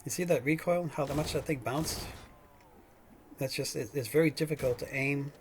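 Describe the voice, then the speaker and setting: A man's voice: on the high side, moderate pace, background noise. A man hosting a gaming channel, giving casual, rambling gameplay commentary full of fillers and restarts.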